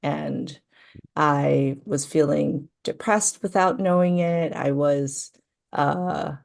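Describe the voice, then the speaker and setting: A woman's voice: low-pitched, vocal fry. A young adult woman from Hawaii, a coaching client talking through her story in an interview, thoughtful and full of fillers. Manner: slow, thoughtful, with frequent fillers. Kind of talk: interview conversation.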